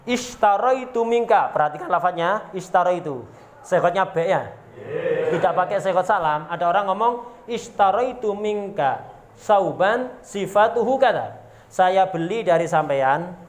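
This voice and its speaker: A man with a Javanese accent, pitched high, teaching a classical religious text. He reads Arabic phrases, explains them, quizzes his listeners and slips in small jokes. The recording sits in a roomy, echoing space with a faint hiss behind him. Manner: reads Arabic terms then explains them, asks rhetorical questions, jokes. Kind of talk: pesantren kitab lesson.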